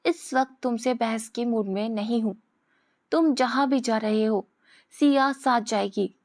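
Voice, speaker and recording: A woman voicing a calm, firm middle-aged mother. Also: fairly high pitch, a little slow.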